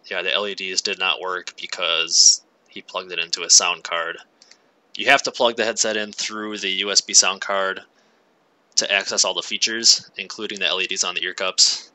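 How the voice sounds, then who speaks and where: Bright-voiced young man on a headset. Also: fairly low pitch, poor audio. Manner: relaxed, rambling, frequent fillers. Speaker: gaming channel host. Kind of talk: casual tech walkthrough. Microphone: gaming headset mic.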